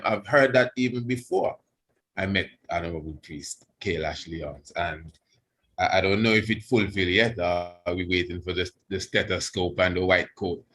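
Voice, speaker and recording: A low-pitched male priest delivers an unscripted religious address in Rastafarian idiom. He phrases things deliberately and haltingly, circling back to repeat words and offer reverent thanks. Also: a bit bright. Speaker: priest giving a guest address.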